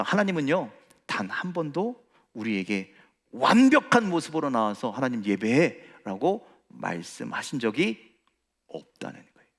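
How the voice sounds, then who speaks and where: A man's voice: fairly high pitch, a bit bright. A male pastor preaching a sermon with emphatic rhetorical questions, addressing his congregation. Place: church sanctuary. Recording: long church reverb.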